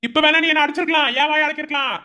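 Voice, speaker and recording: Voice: high-pitched, fairly even intonation, very fast, lightly acted. A performer voicing a fierce village woman in a cartoon, speaking with a Madurai Tamil accent and hurling harsh, threatening insults. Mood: furious. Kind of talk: cartoon voice acting.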